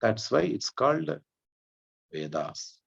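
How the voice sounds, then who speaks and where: A man, giving an online Vedanta lesson in a measured explanatory way, with chanted Sanskrit prayers. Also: medium pitch, big pitch swings, creaky, breathy edge, muffled recording. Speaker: Vedanta teacher. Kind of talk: online class lecture.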